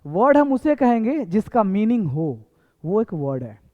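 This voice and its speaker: Sing-song and unhurried, a man's high voice guides a basic English classroom lesson. He keeps restating points and posing rhetorical questions, heard through echoey hall acoustics with a tinny, phone-like tone.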